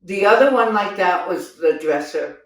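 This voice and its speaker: Animated older woman, echoey and distant. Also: medium pitch, moderate pace. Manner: animated storyteller, laughs often, exclaims "oh my God". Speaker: theater director recalling past productions. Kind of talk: casual reminiscing chat. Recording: echoey room, voice from off mic.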